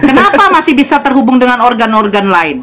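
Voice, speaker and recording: A woman's voice: on the high side, very animated, brisk, a bit bright, slight background noise. A woman questions firmly and insists on an answer, leaving no room for dodging. She speaks in a live online debate. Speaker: debate participant.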